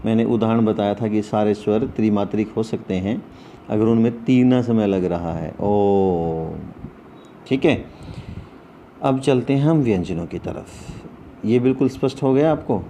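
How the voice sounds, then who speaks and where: A man leads an online lesson at a deliberate, unhurried pace, his voice mellow and low in brightness. He drills his pupils with questions and then answers them himself. A faint noise sits under the recording. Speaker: Sanskrit teacher. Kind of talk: online class lecture.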